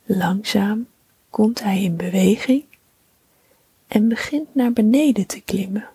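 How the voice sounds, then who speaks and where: A woman narrates a children's bedtime story almost entirely in a breathy whisper. She speaks very slowly and soothingly, her voice close and dry with no room sound around it. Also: medium pitch, dry recording. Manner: slow, soothing, calm.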